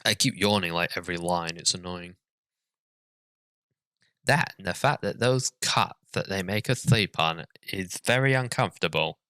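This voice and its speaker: A man's voice: low voice, animated, normal speed, bright, forceful tone, no room sound. A man giving profane, sarcastic commentary as he reads a story and rants about it. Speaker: comedic reader and commentator.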